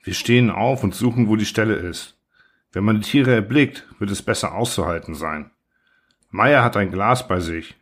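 Low-voiced male audiobook narrator. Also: moderate pace, fairly bright tone, slightly rough. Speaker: audiobook reader. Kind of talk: scripted literary narration.

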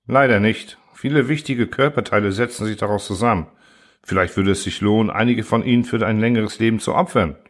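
A man voicing a huge, gentle old male alien in a storybook reading, speaking slowly and sorrowfully. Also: on the low side, lightly acted. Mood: resigned. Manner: sad, slow and brooding. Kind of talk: audiobook character voice.

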